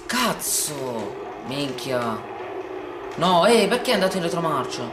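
A man commentating his racing game let's play, excitable and swearing often, talking over the game sounds. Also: a little high, unhurried, noisy background. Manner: says he talks oddly when excited on video. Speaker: gameplay video host. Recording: echoey room with loud game music.

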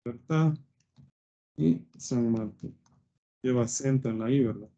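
A man's voice: mid-range voice, measured pace, vocal fry, dark tone. Man teaching over a dull recording. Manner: thinks aloud with fillers and frequent "¿sí?" checks. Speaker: web design teacher. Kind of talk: live coding lesson.

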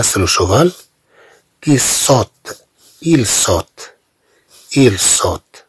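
A man teaching beginner French, slowly repeating syllables and words for learners. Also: low voice, breathy edge, dry recording. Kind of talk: beginner language lesson.

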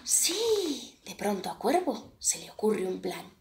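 A woman from Spain reading a children's picture book aloud in a lively, dramatic way. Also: mid-range voice, normal speed. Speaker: storyteller. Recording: echoey room.

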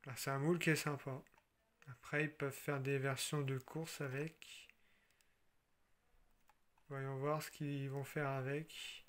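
A man from France casually showing his toy car collection, chatty and relaxed, with frequent fillers and restarts. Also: mid-range voice, measured pace, pauses often. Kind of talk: casual show-and-tell.

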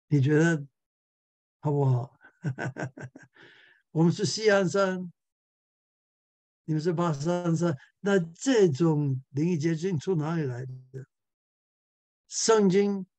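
A man's voice: fairly high pitch, warm tone, no room sound. A male pastor giving a church Bible class lecture, chuckling often and repeating words as he searches for the next one.

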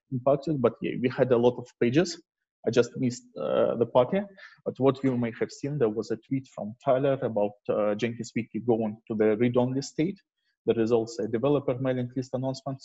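Giving a casual technical talk with slides at an online developer meetup, this male presenter has a medium-pitched, mellow, husky voice and a hesitant, informal delivery. The sound comes through a video call mic and is muffled, dull and lo-fi.

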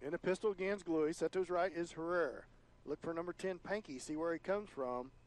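A man calling high school football play-by-play on the radio, his voice climbing higher and louder on big plays. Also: brisk. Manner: rises in pitch and volume on big plays. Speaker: play-by-play announcer.

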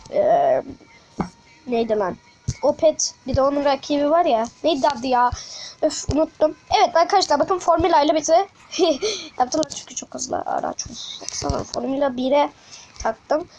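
A woman talking through a mobile game in casual commentary, chatty and excitable, addressing viewers as friends with frequent exclamations. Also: sits high, moderate pace, slight background noise. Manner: speaks directly to viewers as friends. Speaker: gaming channel host.

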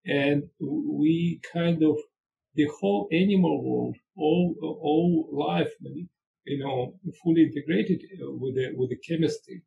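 A man speaking as a neuroscience professor in a panel discussion, earnest and halting, often restarting and repeating words. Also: on the high side, creaky, dark tone, highs cut off, a little hiss or hum.

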